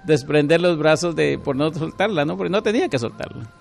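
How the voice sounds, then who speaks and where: A man's voice: fairly high pitch, animated, a little fast, vocal fry, soft background music. A middle-aged man from Guatemala, a car salesman and radio guest, telling his story in a friendly way. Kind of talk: casual interview chat.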